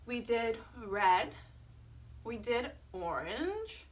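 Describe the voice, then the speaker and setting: High bouncy lady running a kids yoga class, takes her time, sing-songy and cheery. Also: pushed and bright. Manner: playful, sing-song, encouraging children.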